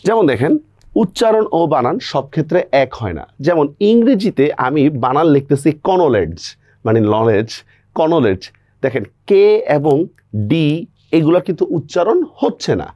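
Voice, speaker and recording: A man's voice: on the high side, sing-song, fairly quick, a little mellow, no room sound, clean studio sound. A man teaching a grammar lesson on pronunciation, explaining step by step and often checking that students follow.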